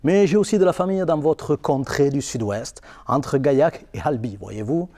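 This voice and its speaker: A man's voice: a little high, moderate pace, warm tone, close to an everyday voice. A man doing a pompous beer ambassador with a fake German accent. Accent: put-on German-Belgian. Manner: formal, keeps adding "n'est-ce pas" and "voyez-vous". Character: pompous male Bavarian-Belgian beer festival ambassador. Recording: hall reverb.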